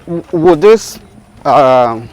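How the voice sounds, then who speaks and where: Guy hosting a farm walk-through, eager and chatty, kinda high voice, outdoors. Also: animated, extremely slow, a little mellow. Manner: enthusiastic, keeps saying awesome. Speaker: video host touring a school farm. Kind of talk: casual on-site interview.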